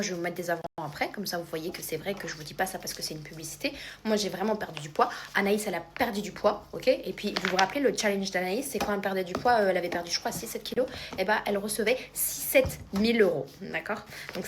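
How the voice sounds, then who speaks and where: A woman influencer talking casually and informally to her followers as she promotes products. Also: mid-range voice. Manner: chatty, informal, addressing followers directly. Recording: clear background noise.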